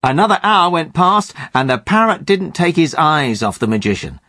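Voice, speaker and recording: A man spins a long joke at a storyteller's pace, pausing for effect. His pitch swings widely as he tells it, and the recording is dry and close. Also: very animated, pushed and bright, no room sound. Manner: storytelling with playful pauses. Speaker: regular joke teller. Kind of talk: scripted joke telling.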